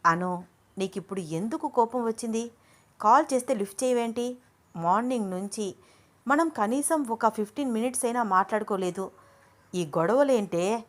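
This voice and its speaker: A woman voicing a bold, teasing young man in love, in an audio story, in her own even voice. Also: on the high side, normal speed, pauses often, no room sound, pitched above the performer's own voice, lightly acted. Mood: persuading. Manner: coaxing, teasing.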